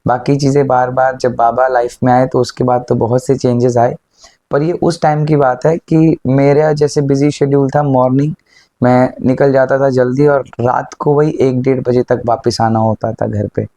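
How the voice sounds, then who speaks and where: A man tells his own story in an earnest, unhurried way, slipping English words into his Hindi. His voice is dark and mellow. The sound is dry and close, with no room echo. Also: mid-range voice, fairly even intonation. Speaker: devotee sharing a personal experience. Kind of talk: casual testimony.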